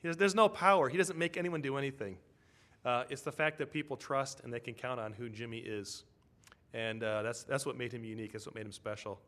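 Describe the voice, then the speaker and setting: A man's voice: mid-range voice, fairly quick, a bit bright. A man preaching a conversational sermon, telling a story and asking his congregation tag questions.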